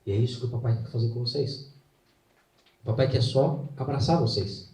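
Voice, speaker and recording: Mellow-voiced man telling a faith story. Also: medium pitch. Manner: earnest storytelling with dramatic pauses. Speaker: motivational faith speaker. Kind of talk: live inspirational talk. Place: hall with an audience. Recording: roomy hall, mic at a distance.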